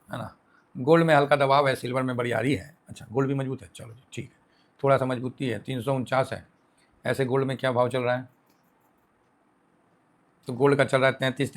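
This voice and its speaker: A man talks through market news in a casual, chatty way. His voice sits a little higher than most men's. He leans on homely comparisons and keeps throwing questions back at the listener. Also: fairly bright tone. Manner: chatty, explains with homely analogies, rhetorical questions to viewers. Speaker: stock market commentator.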